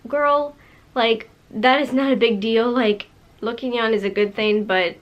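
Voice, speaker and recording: A woman in her late twenties talking casually to her viewers in a bubbly, sassy way, full of fillers and restarts. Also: fairly high pitch. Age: 20s. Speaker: vlogger. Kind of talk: casual talk to camera.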